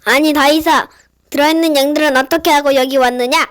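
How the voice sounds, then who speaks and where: Elder brother, woman performer, children's drama: high-pitched, suspicious, scolding. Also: steady tone, fast talker, a bit bright. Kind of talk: children's Bible play acting.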